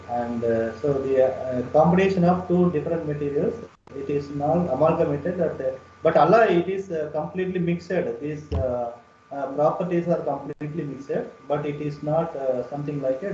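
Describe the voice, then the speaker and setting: A man with an Indian accent lectures on a technical topic over an online call. His voice is soft-edged and mellow. The sound is distant and echoey, as he explains things step by step. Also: a little high, normal speed. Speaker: webinar presenter, engineering lecturer. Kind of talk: technical lecture and question answering. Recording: echoey, dull, distant webinar audio, faint noise.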